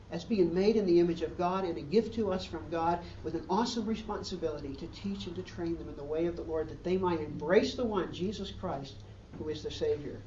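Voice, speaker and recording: A man's voice: high voice, darkish tone, a little hiss or hum. Earnest male preacher in an echoey hall. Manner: earnest, rising emphatic questions. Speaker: pastor. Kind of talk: sermon. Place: church hall. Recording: distant roomy dull church recording.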